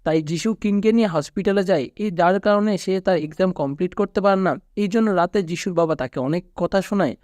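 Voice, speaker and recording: Narrator: male, Bangladeshi Bengali accent, high voice, dry close recording, even storytelling read. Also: brisk, few pauses, dry recording. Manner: steady storytelling recap, quoting characters flatly. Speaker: movie recap narrator. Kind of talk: scripted narration.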